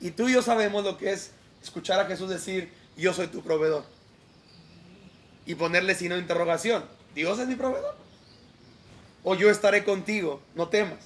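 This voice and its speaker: A man's voice: high-pitched, brisk, a little hiss or hum. A man with a Mexican Spanish accent preaching a devotional outdoors beside a lake, in a conversational style that keeps checking in with his listeners. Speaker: pastor.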